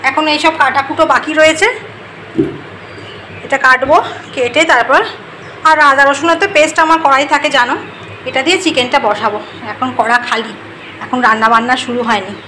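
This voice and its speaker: A woman's voice: high-pitched, brisk, pauses often, bright, forceful tone, slight background noise. A woman vlogger, chatting casually to the camera about her morning at home. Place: rooftop and home, outdoors and kitchen.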